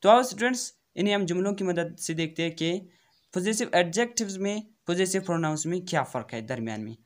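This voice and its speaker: A man teaching an English grammar lesson, repeating each example sentence slowly and often checking in with his students with an "okay". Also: sits high, expressive. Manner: addresses students directly with frequent "okay".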